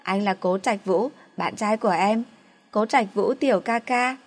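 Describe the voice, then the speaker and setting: A woman's voice: mid-range voice, measured pace. A woman voicing a drunk, spoiled young woman who sulks and pleads in a slurred, petulant way. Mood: clingy, tipsy.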